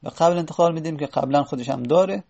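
A man gives a grammar lesson in a slightly high, gravelly voice. He walks through each rule one step at a time, stretching out and repeating the forms he explains. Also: dark tone. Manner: explains step by step, repeating words slowly and drawn out. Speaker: teacher of Arabic grammar. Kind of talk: classroom lesson.

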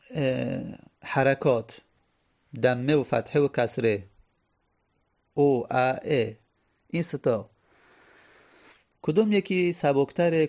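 A man's voice: mid-range voice, a little mellow. A male teacher explaining grammar step by step. He repeats key phrases and sounds out vowels to demonstrate. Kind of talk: Arabic grammar lesson.

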